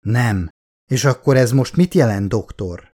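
A man reading an audiobook, voicing a gruff, wary muscular soldier who asks blunt, curt questions. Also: mid-range voice, a little mellow, lightly acted.

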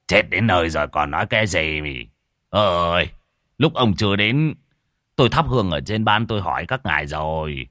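A man voicing a gruff, greedy old village shaman who scolds and curses as he orders people around. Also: low-pitched, animated, normal speed, fairly bright tone, no room sound, clean studio sound. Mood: dismissive. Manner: bossy, scolding, curses freely.

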